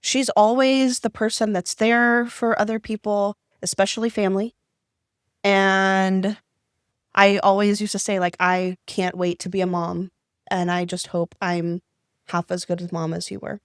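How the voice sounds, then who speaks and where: A woman's voice: medium pitch, level tone, measured pace, clean tone, no room sound, studio quality. A young adult woman co-hosting a podcast, chatting casually in a giggly, rambling way. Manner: giggly, rambling, self-mocking. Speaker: podcast co-host. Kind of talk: casual chat.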